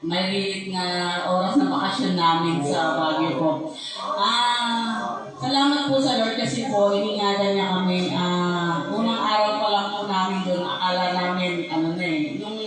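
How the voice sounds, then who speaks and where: A woman telling a lively, laughing story as a church testimony, speaking politely. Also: mid-range voice. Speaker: church member giving testimony. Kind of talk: testimony in worship service. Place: church hall. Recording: very echoey hall from far off.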